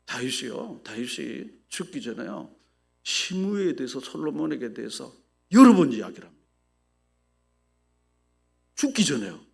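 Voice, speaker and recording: A male pastor preaching a sermon in an animated way, acting out people's cries in a changing voice. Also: mid-range voice, moderate pace, vocal fry, pauses often, husky.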